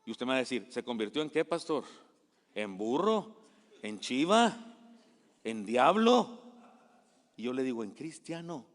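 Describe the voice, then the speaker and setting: A male pastor preaching a sermon in a lively, conversational way, often asking his listeners questions. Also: on the high side. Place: church sanctuary. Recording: echoey church hall.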